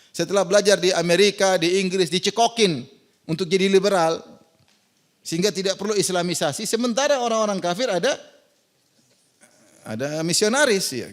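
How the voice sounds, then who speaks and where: A man preaching a mosque sermon in an animated, mocking style, asking rhetorical questions and laughing at his own points. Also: a little high. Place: large mosque.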